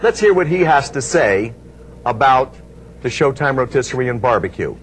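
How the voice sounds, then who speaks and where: A man's voice: mid-range voice, big pitch swings, normal speed. A man hosting a product demonstration, folksy and unscripted, talking through each step as he sells. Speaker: infomercial host and product demonstrator. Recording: faint background noise, vinyl transfer.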